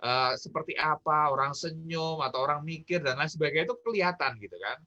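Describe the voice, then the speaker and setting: A man's voice: on the high side, expressive, a little fast, pushed and bright, lo-fi sound. A man from Indonesia giving a casual online talk on communication, peppered with fillers and questions to his audience. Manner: chatty, peppered with "ya" and "gitu kan". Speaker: business trainer.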